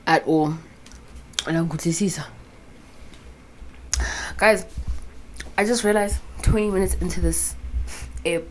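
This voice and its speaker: This vlogger is a South African woman in her early twenties with a deep, darkish voice, chatting to camera in a rambling way, cursing openly and mixing in local vocabulary. Her phone camera and small clip-on mic give a low-quality recording with a bit of background noise.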